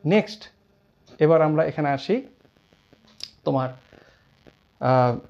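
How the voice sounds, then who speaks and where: Man, English teacher, grammar lesson, warm mellow voice, lo-fi recording. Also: fairly high pitch, animated, vocal fry. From India. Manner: explains slowly, repeats terms, quotes example sentences.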